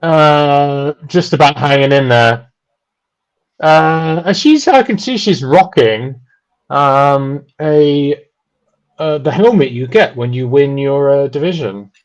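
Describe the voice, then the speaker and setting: A man giving relaxed, dry, chatty live commentary on a race, with many pauses and "um"s. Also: on the high side, rough recording. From United Kingdom.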